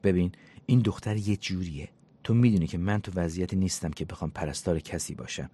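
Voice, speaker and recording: Irritable reclusive woman, curt and sarcastic, low husky read, as a male narrator voices her. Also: dark tone.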